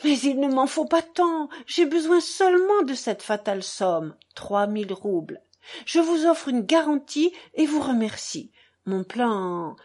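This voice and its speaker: A woman's voice: high-pitched, lively intonation, measured pace, darkish tone. A desperate, feverish young man pleading in an urgent, fervent rush, as a woman reader does him. His voice rises and falls sharply with the strain of begging. Read aloud for an audiobook.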